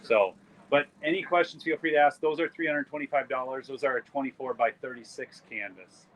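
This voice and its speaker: A man's voice: mid-range voice, a little fast, muffled recording. A middle-aged man with a Minnesota accent, hosting a casual live stream from an outdoor art fair booth and chatting with visitors about his photography. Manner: chatty, rambling, friendly sales talk. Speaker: photographer and YouTube host.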